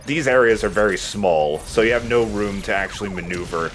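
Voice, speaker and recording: Over game music, a let's play host delivers casual, sweary commentary as he plays a video game. His voice is lowish and fairly quick.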